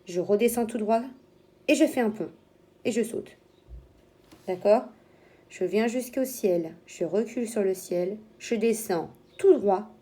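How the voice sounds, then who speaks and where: Female teacher, mellow and warm in tone, patient step-by-step instruction for young kids. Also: medium pitch. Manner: slow, step-by-step explaining with simple imagery. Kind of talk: handwriting lesson for young children.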